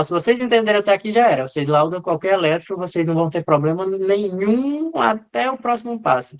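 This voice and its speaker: A man teaching a live online class in an informal way, answering students by name and acting out what the leads are saying. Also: a little high. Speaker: medical lecturer.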